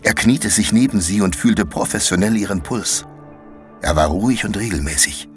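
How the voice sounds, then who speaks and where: A man narrating a children's audiobook with expressive storytelling, voicing each character himself. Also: on the low side, moderate pace, faint music behind.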